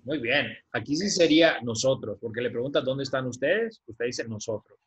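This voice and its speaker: A man teaching an English class in Spanish, patiently repeating words slowly for pronunciation over a video call. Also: medium pitch, expressive. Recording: dull lo-fi video-call audio.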